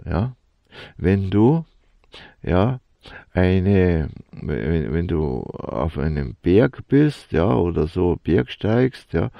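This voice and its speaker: A man giving a slow, meditative spiritual talk, halting and searching for words and dropping a questioning "ja" into nearly every phrase. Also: deep voice, vocal fry, no echo. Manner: fills his talk with a questioning "ja". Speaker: spiritual teacher. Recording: dull lo-fi sound, dry and close.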